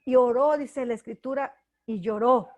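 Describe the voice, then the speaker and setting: A woman's voice: on the high side, normal speed, darkish tone, muffled recording. A middle-aged woman giving a heartfelt devotional sermon, sharing personal testimony in an earnest way. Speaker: preacher.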